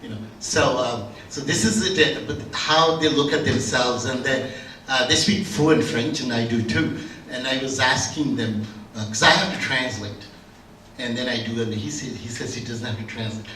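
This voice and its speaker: A man's voice: medium pitch, normal speed, pushed and bright, a little hiss or hum. Older man, distant and roomy. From Bangladesh. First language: Bengali. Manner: conversational, anecdotal, with many restarts. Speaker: conference speaker. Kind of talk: academic conference talk. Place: conference room. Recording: roomy room, distant mic, faint ambience.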